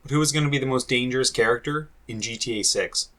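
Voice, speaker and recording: A man narrates a scripted video essay with a bright, forward tone. His delivery is deliberate and emphatic, and he leans on key words as he builds his points. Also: medium pitch. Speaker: gaming video host.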